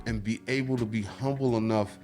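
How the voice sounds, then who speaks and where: A man's voice: medium pitch, brisk, soft background music. A man with a New Jersey accent, a comedian guest talking bluntly and profanely in casual podcast chat. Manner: blunt, profane, animated storytelling.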